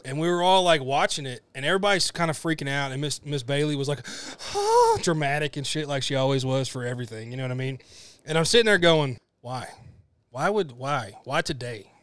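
A man's voice: fairly high pitch, fast, a bit bright, clear, resonant tone, no echo. A man, hosting a casual podcast chat, loose and profane, laughing easily. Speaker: podcast host. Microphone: headphones and studio mic.

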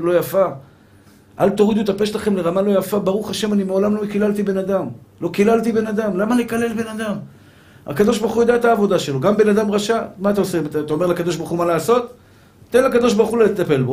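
High-voiced man preaching a fervent sermon. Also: darkish tone. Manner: fervent, repetitive preaching that addresses listeners as brothers. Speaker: rabbi.

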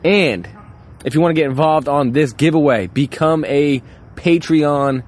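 Out on a ranch, a man co-hosts a casual podcast, his fairly high, unhurried voice carrying a darkish tone. He trades banter and does sponsor reads in a loose, profane, informal style.

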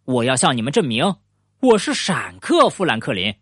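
A man's voice: medium pitch, huge pitch swings, normal speed, slightly rough, dry recording, studio quality. A man voicing an eager young boy turtle in a storybook reading, earnest and insistent. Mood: determined.

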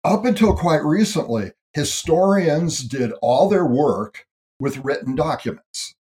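Appearing as an interview guest on history and ancestry, a man explains big ideas thoughtfully and earnestly, with small restarts. His voice sits on the high side and is expressive and a little mellow, and he speaks at a measured pace.

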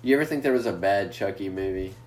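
Low-voiced guy rambling on his podcast, crude and sweary, echoey room. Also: fast talker, a little mellow. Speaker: podcast host. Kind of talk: casual podcast chat. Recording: echoey room with faint noise.

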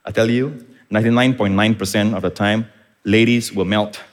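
A man preaching a sermon, teaching calmly and then rising to impassioned shouts. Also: on the low side, normal speed. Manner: teaching, explains Greek words. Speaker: pastor.

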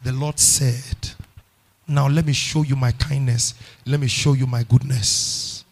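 A middle-aged man with a Ghanaian English accent preaching a sermon, repeating phrases and swinging from hushed to loud. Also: mid-range voice, steady tone, a little slow, gravelly. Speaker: pastor.

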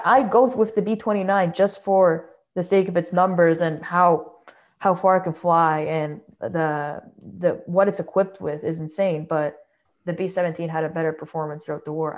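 A woman in a casual group discussion, often stumbling and repeating words as she starts. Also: sits low. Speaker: discussion participant.

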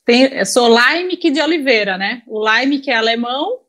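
A woman's voice: fairly high pitch, normal speed, fairly bright tone. A woman with a Brazilian Portuguese accent chats informally as an interviewer, often jumping in with comments. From Recife, Brazil. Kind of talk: casual interview chat.

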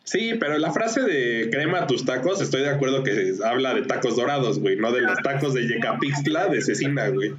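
A man with a Mexican Spanish accent hosts a loose podcast chat at a brisk clip, full of slang. His voice bounces in a roomy space and the sound is somewhat dull. A faint hiss runs behind him. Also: medium pitch, lively intonation, a bit bright. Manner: slangy, acts out quoted voices. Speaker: podcast host. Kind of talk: casual chat.

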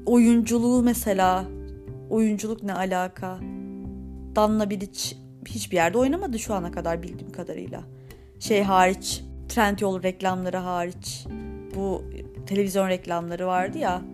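A young woman hosting a podcast, giving chatty, opinionated pop-culture commentary and laughing often. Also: medium pitch. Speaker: podcast host.

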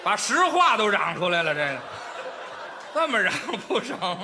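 A man playing the straight man in stage crosstalk, firing back quick, skeptical retorts. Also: high-pitched, big pitch swings, crowd noise, background noise.

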